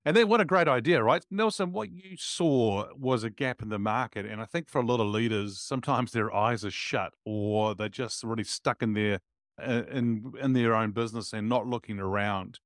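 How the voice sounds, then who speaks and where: A man's voice: mid-range voice, normal speed, no room sound, studio quality. A man hosting a podcast interview, upbeat and full of praise as he questions his guest. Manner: enthusiastic, frequent praise words. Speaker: podcast host.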